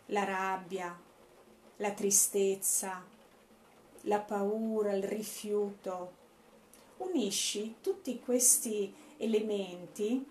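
Woman doing guided meditation, deliberate and instructive, roomy echo, bit of background noise. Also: a little high, a little mellow. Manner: slow, deliberate, instructive with pauses. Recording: echoey room, faint background noise.

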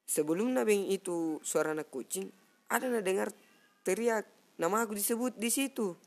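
A young man from South Sulawesi with a Makassar Indonesian accent, telling a story in casual chat on a cheap headset mic, animated and acting out sounds. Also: high voice, moderate pace. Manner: animated, mimics sounds and acts out friends' lines. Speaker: guest storyteller.

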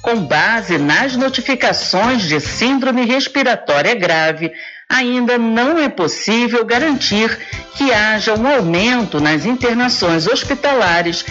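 A woman's voice: fairly high pitch, expressive, slow, a bit bright, lo-fi sound, faint music behind. A woman with a Brazilian accent reading a scripted news report as a reporter.

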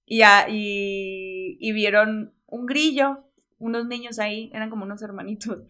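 A Mexican woman co-hosting a podcast in a casual, chatty way, with quick reactions, acting out the people she quotes. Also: mid-range voice, steady tone, pushed and bright. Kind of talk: casual chat.

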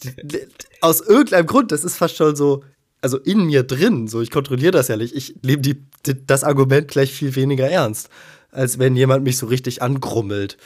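A man's voice: medium pitch, moderate pace, a little mellow. A man co-hosting a casual podcast, chatty and teasing, explaining his points at length. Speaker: podcast co-host.

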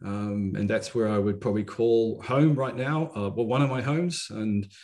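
A man in his fifties speaks in a fairly low voice with a New Zealand accent. He introduces himself in a reflective, conversational style, pausing often as he goes in a measured, halting flow. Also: darkish tone. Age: 50s. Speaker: podcast guest.

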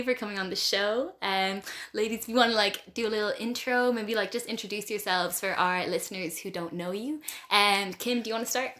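A woman's voice: mid-range voice, sharp tone. A nineteen-year-old woman hosting a student podcast, chatting casually with many ums and likes. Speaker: podcast host. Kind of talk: casual interview chat. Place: student radio studio.

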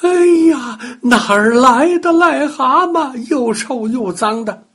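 A man's voice: on the high side, takes it slowly, a bit bright, breathy edge, heavily acted. An older man doing a fussing old grandmother. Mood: startled. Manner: exclaiming, muttering.

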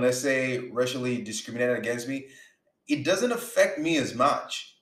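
Here a man from Uganda, mid-range voice and a bit bright, gives an earnest talk motivating listeners about faith and business. Words are repeated for emphasis, and the sound echoes around the room.

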